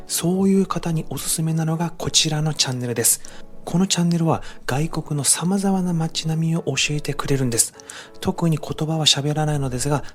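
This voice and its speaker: Guy narrating a book summary, fast and bouncy, faint music behind him. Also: a little high. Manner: upbeat, addresses viewers directly with recommendations. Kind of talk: friendly explanatory narration.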